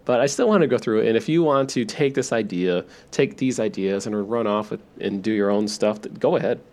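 Low, creaky-voiced man rambling drowsily. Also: fairly quick. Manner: low-key, self-deprecating, thinking out loud. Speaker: podcast host. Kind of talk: rambling, relaxed stream-of-consciousness monologue for sleep listeners.

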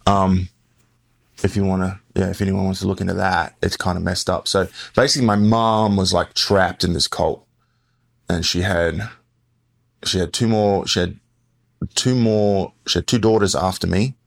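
A man in his forties with a low, gravelly Australian accent speaks as a podcast guest in casual interview talk, rambling and correcting himself as he tells stories. Born in the US and raised in Western Australia, he keeps a fairly even intonation at normal speed.

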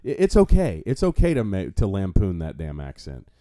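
Low-voiced sarcastic man, stammering chat. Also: moderate pace, no room sound, studio quality. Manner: animated, stammering restarts, sarcastic. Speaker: podcast co-host. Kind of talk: casual chat.

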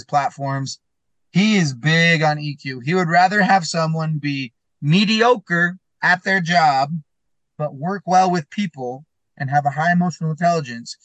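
Traveling in his van, a podcast host and school counselor keeps things casual, recorded on a laptop's built-in mic that makes him sound tinny. His voice is fairly high, bright, and forceful, with no echo, and he frequently starts his sentences over.

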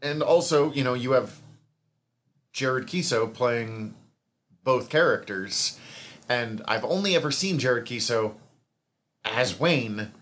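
A man's voice: medium pitch, animated, slow pace, long pauses, a bit bright. A man co-hosting a podcast in casual chat, rambling and swearing freely. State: hiccups from eating. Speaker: podcast co-host.

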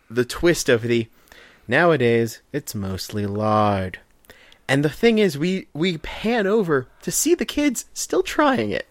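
A man's voice: mid-range voice, no room sound. A man co-hosting a podcast, chatting casually and enthusiastically, analytical and prone to restarts. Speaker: podcast co-host. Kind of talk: casual chat reviewing a cartoon.

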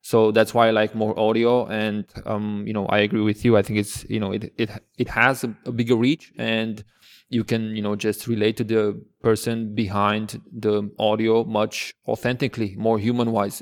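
Low, flat-voiced podcast host man. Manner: halting, many fillers, earnest. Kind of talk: casual interview talk.

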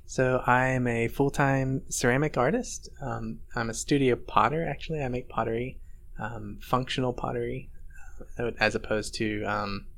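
A man in his thirties from Texas, a ceramic artist answering interview questions in a relaxed, hesitant way with many pauses and ums. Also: mid-range voice, creaky. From Fort Worth, Texas.

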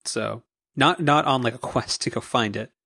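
A man co-hosting a podcast, talking in a wry, animated way with little laughs. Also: mid-range voice, normal speed, creaky, dry recording, studio quality. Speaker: podcast co-host. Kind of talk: casual tech chat.

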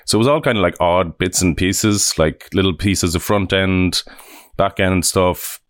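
A deep-voiced Irish man in his thirties speaks unhurriedly, a developer guest chatting casually in an interview. He rambles, restarts, and drops self-deprecating asides. The studio-quality recording has no room sound.

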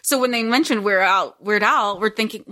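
A woman's voice: medium pitch, moderate pace, sharp tone. A woman co-hosting a casual podcast, talking in an effusive, rambling, emphatic way, recorded with echo away from her usual studio. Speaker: podcast co-host. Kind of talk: casual book and fandom podcast chat. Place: temporary recording spot while traveling.

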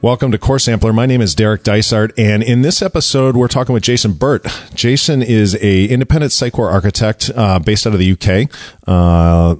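A man's voice: on the low side, a little fast, darkish tone, no room sound, soft background music. A man hosting a conversational technical podcast, often circling and restarting his phrases as he talks. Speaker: podcast host.

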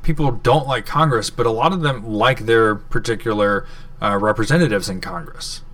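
A man co-hosting a podcast, talking politics in a casual, conversational way with lots of fillers and sudden animated rises in pitch. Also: normal speed, far from the mic. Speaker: podcast co-host.

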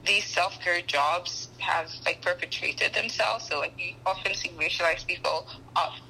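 A young woman who grew up in Ghana, a podcast guest speaking thoughtfully with frequent pauses and restarts. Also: lowish voice, sharp tone, a little hiss or hum, poor audio. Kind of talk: conversational interview.

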